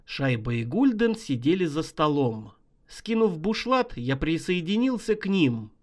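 A man reading a horror story aloud as an audiobook narrator, expressive and vivid. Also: a little high, a little slow.

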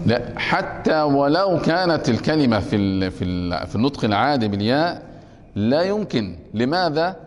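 A man's voice: mid-range voice, big pitch swings, normal speed. Male grammar teacher lecturing in a reverberant hall. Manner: keeps asking the class if it is clear; takes questions from students.

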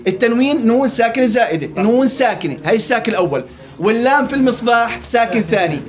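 A man teaching Quran recitation rules, quizzing his students and repeating words slowly. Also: very high-pitched, animated. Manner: quizzing students, drawn-out slow repetitions. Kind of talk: interactive tajweed class.

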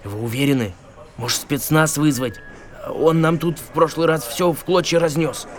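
A man's voice: fairly high pitch, steady tone, normal speed, close to an everyday voice. A man playing an uneasy, obedient police duty officer reporting deferentially in an audio drama.

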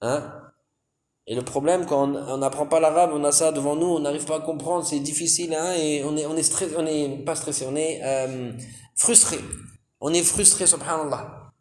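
An Islamic teacher explains Quran commentary in a lesson, calling his listeners brothers, posing questions and answering them himself, with many "hein" fillers and Arabic terms. His voice is fairly high and darkish in tone, with fairly even intonation, a moderate pace and a roomy sound.

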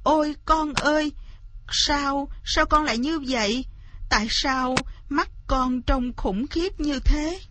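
A frightened poor mother who begs and wails in a high, strained voice, as a woman narrator puts her on. She talks slowly and cries out often. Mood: anxious. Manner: pleading, crying out high. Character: poor anxious pleading mother.

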